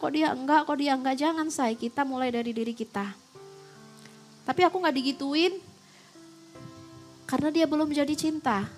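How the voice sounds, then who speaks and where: A young woman giving a casual religious talk, chatty, mixing in English phrases and filling pauses. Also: sits high. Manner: chatty, mixes English phrases, frequent fillers. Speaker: Islamic preacher.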